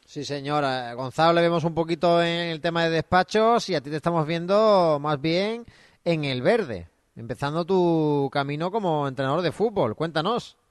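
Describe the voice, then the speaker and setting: Smooth, dry-voiced radio sports host. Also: male voice, a little high, moderate pace, no echo. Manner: friendly, conversational questioning.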